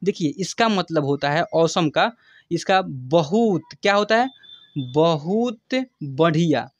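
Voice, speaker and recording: A man's voice: a little high, animated, takes it slowly, dull audio. A man teaches a lesson, stretching words out as he spells them letter by letter. He keeps asking his students questions and answers them himself. The sound is dry and close, with no room echo. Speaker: English teacher on a video channel. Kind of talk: spoken lesson.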